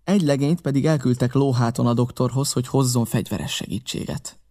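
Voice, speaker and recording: Gravelly male audiobook narrator. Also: medium pitch. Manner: measured, steady storytelling. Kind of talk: scripted first-person narration.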